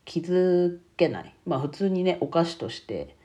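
A man's voice: fairly high pitch, big pitch swings, normal speed, warm tone. A man with a nasal voice, congested from a cold, chatting casually to his listeners as a solo streamer. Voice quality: nasal, stuffy-nosed. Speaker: bookkeeping YouTuber and streamer.

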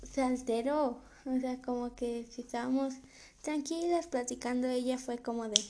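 A woman's voice: sits high, fairly even intonation, normal speed, noisy background. A young woman, hosting a podcast and telling a personal story in a chatty, casual way, laughing as she talks. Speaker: podcast host.

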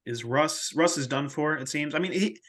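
A man's voice: fairly high pitch, normal speed, a bit bright. A young man co-hosting a sports podcast, talking casually and joking, often trailing off into fillers. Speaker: podcast co-host.

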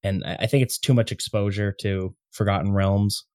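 Lowish man, dry close podcast sound. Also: steady tone, normal speed, darkish tone, no echo. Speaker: podcast host. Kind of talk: casual podcast chat.

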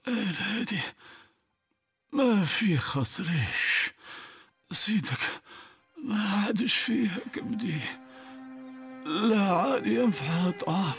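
A man's voice: sits high, animated, slow pace, long pauses, a bit bright, slightly rough, soft background music, full character voice. An actor with a southern Tunisian accent playing a frail, dying old father who sighs and weeps as he gives his sons last advice. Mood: frail, tearful. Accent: southern Tunisian Arabic. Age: older. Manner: weak, sighing, tearful. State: crying. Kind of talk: radio drama acting.

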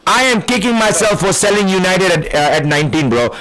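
A man with an Indian accent, hosting a casual talk show in a halting way that circles back over phrases. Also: high voice, very animated, fairly bright tone, poor audio. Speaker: radio host.

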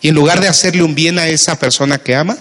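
A man's voice: a little high, steady tone, quick pace, a bit bright. A Mexican man preaching a sermon as pastor, asking his listeners questions and calling them brother. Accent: Mexican Spanish. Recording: long hall reverb.

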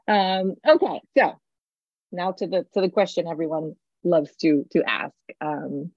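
A woman moderating a panel with a somewhat low, breathy voice. Her sound is dry and a little dull, and she speaks in a friendly, hesitant way. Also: no room sound.

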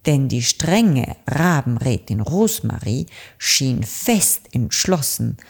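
A woman narrating a children's audiobook in a calm, gentle storytelling manner. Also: a bass voice, slow, creaky, slightly rough.

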